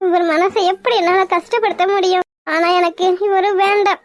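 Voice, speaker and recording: A woman's voice: very high voice, steady tone, moderate pace, no echo. A woman voicing a stubborn young woman in a cartoon, scolding and insistent as she pushes away her suitor. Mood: angry. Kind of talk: cartoon voice acting.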